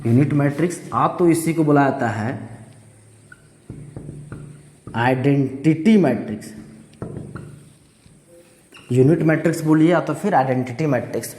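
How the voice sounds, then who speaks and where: A man's voice: fairly high pitch, a little slow, long pauses, dark tone, a little hiss or hum. A man teaching a math lesson, who keeps asking rhetorical questions and repeating key phrases, mixing with terms. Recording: echoey room with long reverb.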